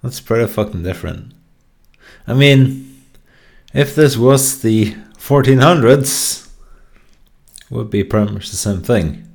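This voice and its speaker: A man's voice: medium pitch, measured pace, creaky, long pauses, darkish tone. A young man from Norway streaming live, bantering with his viewers in a joking, profane, offhand way. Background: faint song playing.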